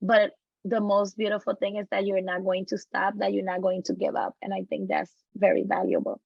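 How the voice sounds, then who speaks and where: A woman educator speaking in an online session, encouraging and a little halting. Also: mid-range voice, flat delivery, vocal fry, no echo. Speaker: educator, presenter. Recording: dry, muffled lo-fi audio.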